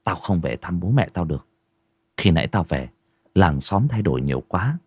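A man doing a hushed, earnest young sorcerer. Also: low-pitched, very animated, normal speed, breathy edge, no room sound, exaggerated voice. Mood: anxious. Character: worried young male sorcerer back from the mountains.

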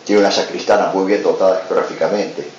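A man's voice: deep voice, fairly even intonation, quick pace. Man with an Argentine accent, echoey lecture. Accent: Argentine Spanish. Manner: tells anecdotes, acts out dialogue, adds "¿eh?" asides. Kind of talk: storytelling conference talk. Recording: roomy, dull lo-fi recording with faint hiss.

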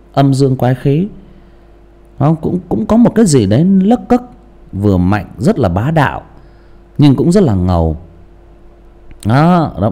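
A male audiobook narrator chatting casually about character voices, often restarting phrases and asking the listener questions. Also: medium pitch. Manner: animated, repeats and restarts, asks listeners rhetorical questions.

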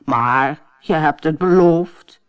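Woman doing a slow, pleading talking frog. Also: low voice, clean tone, dull audio. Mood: coaxing. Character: patient, gentle male frog. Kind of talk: storybook reading.

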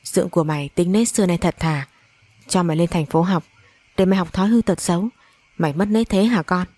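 Woman reader doing a bitter scolding mother, low mellow voice. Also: a little fast, dry recording, close to an everyday voice. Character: harsh scolding middle-aged mother.

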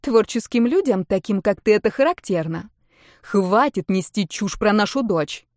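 A woman's voice: mid-range voice, lively intonation, moderate pace, darkish tone, no echo, studio quality, lightly acted. A woman voicing a cold, sarcastic middle-aged ex-wife who speaks in a sardonic, cutting way.

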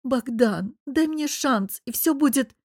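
A woman's voice: medium pitch, moderate pace, no room sound, clean studio sound, close to an everyday voice. A woman reading an audiobook who voices a jealous, scheming young woman with a sulky, purring, spiteful manner. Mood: pleading, provoking.

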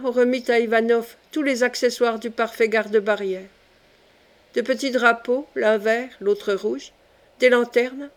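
A woman reading a short story aloud in a measured, steady narrating style. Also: on the high side. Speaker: audiobook reader. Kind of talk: scripted narration.

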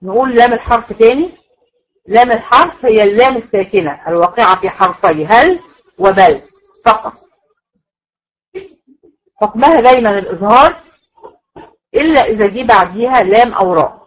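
A woman's voice: fairly high pitch, animated, fairly quick, pauses often, rough recording. A woman with an Egyptian accent teaching Quran recitation rules in a classroom lecture, patiently repeating points and checking that students follow. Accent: Egyptian Arabic.

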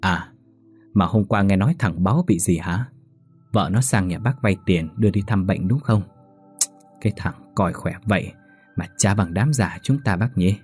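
A man voicing a brash farmer in his fifties, booming and blunt, who scoffs at ghost stories. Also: moderate pace, a little mellow, slightly rough, faint music behind. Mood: jovial.

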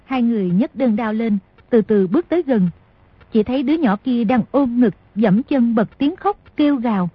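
A woman narrating an audiobook in a steady storytelling manner. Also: fairly high pitch, normal speed, slightly rough, dry recording. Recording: dull lo-fi dry recording.

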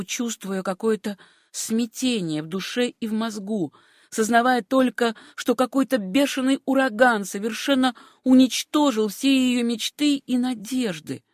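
Brief: woman audiobook narrator, slightly high voice, measured literary delivery, dry close sound. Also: no echo. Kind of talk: scripted narration.

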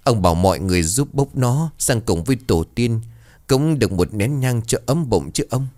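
A man's voice: medium pitch, animated, normal speed, a little mellow, close to an everyday voice. A man voicing a grieving young mother who pleads through tears. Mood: pleading.

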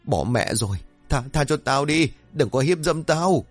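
A frightened old man , as a male narrator puts him on whimpers and pleads in an audio story. The voice sits low but swings widely, and the sound is close and dry. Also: expressive, normal speed, a little mellow, no echo, soft background music. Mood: panicked. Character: frightened old father, fussy and panicky.

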